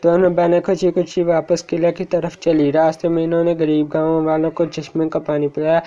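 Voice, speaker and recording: Flat-voiced man narrating a fairy tale. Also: a little high, fairly quick. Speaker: storyteller. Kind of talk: scripted story narration. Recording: dull lo-fi recording.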